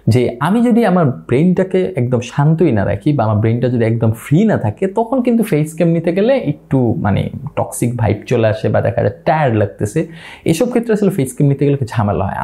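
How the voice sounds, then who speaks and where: Fast-talking Bangladeshi man. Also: on the high side, mellow. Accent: Bangladeshi Bengali. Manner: chatty, explains with repeated asides. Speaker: YouTube creator. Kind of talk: casual talking-head tutorial. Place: home at night.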